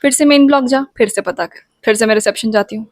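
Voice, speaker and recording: A woman's voice: a little high, fast talker, no room sound. Chatty young woman telling a story. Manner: chatty, playful, addresses viewers directly. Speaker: vlogger. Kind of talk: casual storytime.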